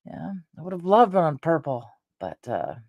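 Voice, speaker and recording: A woman's voice: low voice, very animated, normal speed, darkish tone, no room sound. A woman in her fifties, hosting her own channel in a rambling casual chat, wandering between thoughts with hesitations and restarts. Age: 50s. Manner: meandering, with frequent hesitations and restarts. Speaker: channel host.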